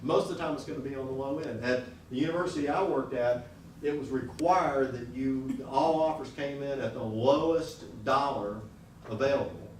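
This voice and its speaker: A man's voice: medium pitch, moderate pace, a little hiss or hum. Blunt man lecturing in an echoey room. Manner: blunt, conversational, asks the class questions. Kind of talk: classroom lecture on salary negotiation. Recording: echoey room audio recorded from a distance.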